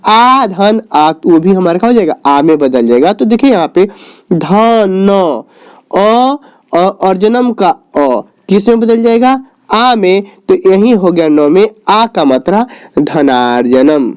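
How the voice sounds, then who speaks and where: A man teaching a lesson at an unhurried pace, his voice warm and dark. He quizzes the viewer and then answers himself, stretching out each answer in a lower, slower tone. He talks to the viewer in a friendly, familiar way. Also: expressive, clean tone. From Bihar, India. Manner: asks questions and answers them himself, calls the viewer "babu". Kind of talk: recorded classroom lesson.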